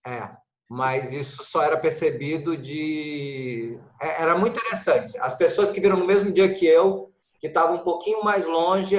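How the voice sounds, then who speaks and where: Brazilian man asking questions, echoey room. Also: fairly high pitch. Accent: Brazilian Portuguese. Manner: questioning, anecdotal. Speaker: acting student. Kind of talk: class discussion.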